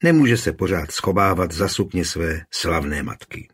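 A man reads a historical novel aloud as an audiobook narrator, in a steady storytelling manner. His voice is low and husky, even and unhurried. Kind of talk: scripted narration.

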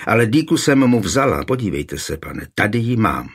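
A man voicing a frightened young servant girl defending herself in a low, husky voice. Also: very animated, exaggerated voice.

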